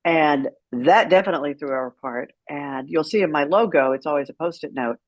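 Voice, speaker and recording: As an interview guest, a middle-aged American caregiver advocate tells stories a little fast in a low-pitched voice, candid and wry, animatedly quoting dialogue. The recording sounds a little dull and very dry, with barely any room around her.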